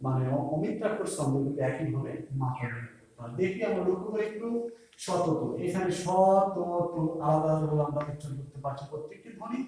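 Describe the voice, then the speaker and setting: A male school teacher with a Bangladeshi Bengali accent, patiently explaining poetry meter and counting syllables aloud slowly. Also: a little high, a little mellow. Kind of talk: classroom lesson on poetry meter. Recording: echoey room, voice a bit far from the mic.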